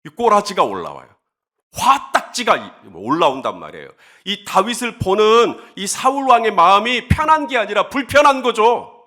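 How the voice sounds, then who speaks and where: A man preaching a sermon as pastor, animated, acting out grumbling voices and then dropping to a soft, confiding tone. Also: high-pitched, moderate pace.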